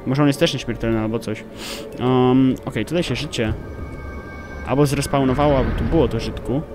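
A young man talks his way through a video game, shouting, groaning and swearing at what happens on screen. His voice sits at an ordinary middle pitch. Game music plays clearly behind him. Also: a little fast. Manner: excitable, exclaiming and swearing at the game. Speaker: gameplay commentator. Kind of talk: let's play commentary.

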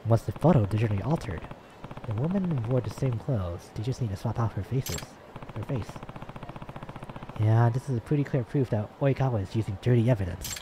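Man doing a low gravelly growling young detective. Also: lively intonation, a little fast, background noise, lightly acted. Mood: stern, probing. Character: serious young male detective, stern and determined. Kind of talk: reading video game dialogue in character.

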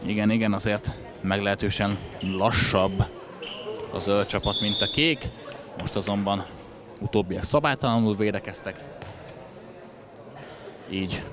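A man's voice: fairly low pitch, fairly even intonation, long pauses. A man doing chatty live handball commentary with wry asides. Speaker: sports commentator. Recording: crowd noise in sports hall. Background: crowd in a sports hall.

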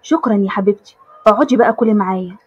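A woman's voice: mid-range voice, rapid-fire, breathy edge, lo-fi sound, close to an everyday voice. A woman voicing an irritable brother. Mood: curt. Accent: Egyptian Arabic. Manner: curt. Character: young man, irritable older brother.

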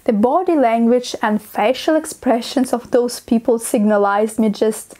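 A young woman with a Russian accent hosts her own vlog, speaking in a fairly high voice. She talks from a script but stays expressive, acting out little scenes as she goes. The sound is close and clean, from a small clip-on mic in a small room. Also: unhurried. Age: young adult. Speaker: vlogger. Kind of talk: scripted talking-head vlog. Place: small dim room indoors.

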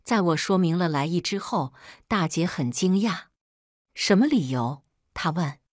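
A woman calmly narrating a first-person drama story in a steady, scripted read. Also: lowish voice, moderate pace, dry recording, clean studio sound.

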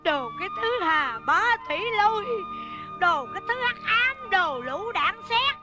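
Một phụ nữ đóng vai bà mẹ đang than khóc, kể lể, giọng miền Nam, trong một vở hài sân khấu. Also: female voice, lively intonation, moderate pace, over loud music. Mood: wailing. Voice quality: shrill and tearful, sobbing lines. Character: grieving mother, wailing, melodramatic. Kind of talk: stage comedy sketch with sung laments.

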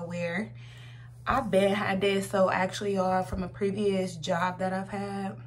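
A woman's voice: lowish voice, vocal fry. Slangy young American woman, humming room noise. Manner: slangy, sweary, informal. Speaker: beginner makeup vlogger. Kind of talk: casual chat, makeup tutorial. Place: small room at home, indoors. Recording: noisy home recording with hum.

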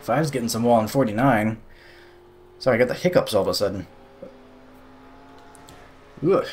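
A young man in the middle of his pitch range talks through a racing replay at an easy, offhand pace. His commentary is loose and sarcastic, with an exasperated edge. A faint hum of ambience sits under the voice. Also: quick pace. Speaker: sim racing YouTuber. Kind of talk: casual race replay commentary.

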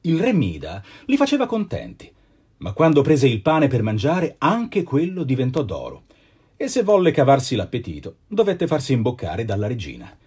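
An actor and voice actor reading children's fables aloud live, in a playful, theatrical manner with chatty asides. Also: male voice, medium pitch, huge pitch swings, normal speed, a little mellow, breathy edge.

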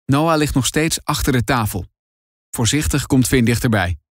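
A man reading a children's adventure audiobook in dramatic, expressive scripted narration. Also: medium pitch, normal speed, breathy edge, no echo, clean studio sound.

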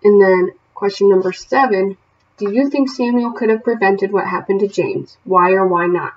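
A woman teacher reading a novel aloud to her class, then setting homework questions in a steady, plain voice with small self-corrections. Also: medium pitch, moderate pace, lo-fi sound, slight background noise.

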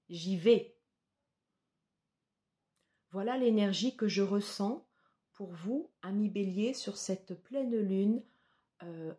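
Slow, mellow woman reading tarot. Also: mid-range voice. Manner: slow, hesitant with many fillers. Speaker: tarot reader.

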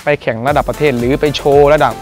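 A young man, guest singer and workshop mentor for students, talks fast in a mid-range voice with a steady tone. He addresses the camera politely and earnestly like a presenter, outdoors beside a school building before moving indoors at a music school.

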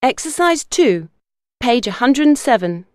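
A woman's voice: fairly high pitch, very animated. A woman reading exercise titles and page numbers for an English textbook audio disc. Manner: clear, measured announcing. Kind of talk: scripted narration.

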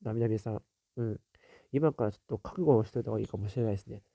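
A man hosting a casual live stream, reading viewer comments aloud and musing on them with soft little fillers. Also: on the low side, racing, vocal fry, no echo.

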